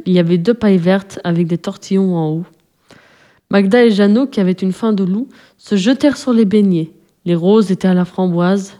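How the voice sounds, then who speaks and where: A woman reading a children's storybook aloud as narrator, calmly and evenly. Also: mid-range voice.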